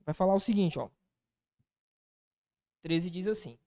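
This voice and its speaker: A man's voice: high voice, measured pace, warm tone. A man teaching an exam-prep grammar lesson, asking himself questions as a student and answering them in casual slang.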